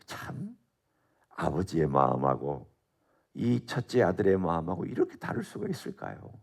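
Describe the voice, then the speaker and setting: At a dawn prayer service, a middle-aged pastor delivers an expository sermon on the Bible in a conversational way, asking his listeners rhetorical questions. He has a low, creaky, slightly rough voice with a darkish tone, pitch that swoops wildly, and normal speed.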